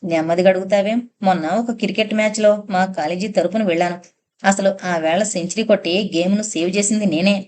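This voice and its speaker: A woman's voice: mid-range voice, steady tone, fairly quick, a little mellow, lightly acted. A woman narrator voicing a boastful, pushy young male college student in an audiobook, eager and self-satisfied. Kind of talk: audiobook character reading.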